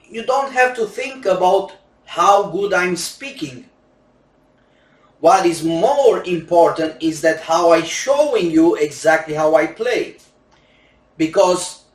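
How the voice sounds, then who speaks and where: A native Romanian speaker with a Romanian accent, a roulette instructor, pitches his roulette courses in broken English, slowly and emphatically. The mic is distant in an echoey room.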